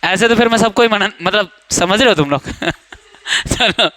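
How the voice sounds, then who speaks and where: Young male coaching-class teacher, high clear voice, playful and teasing with students, dry classroom sound. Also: a little slow, pushed and bright, no echo. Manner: joking, teasing students, quizzing them by name. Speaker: English teacher. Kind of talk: classroom grammar lesson.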